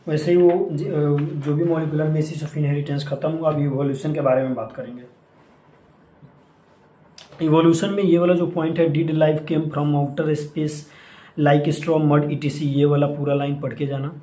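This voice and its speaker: Coaching students for an exam, this young man speaks Hindi mixed with English phrases, giving casual instructions that he repeats often. His voice sits on the high side and is mellow and unhurried, with fairly even intonation, recorded in an echoey room.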